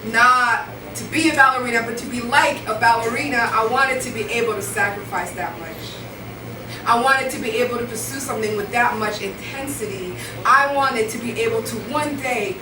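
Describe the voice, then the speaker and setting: High-voiced woman from Rwanda performing poetry. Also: normal speed, noisy background. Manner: earnest, rhythmic, building repetition. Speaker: spoken word poet. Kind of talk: live spoken word poetry performance. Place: indoor live venue. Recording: echoey room, voice from far off, music behind.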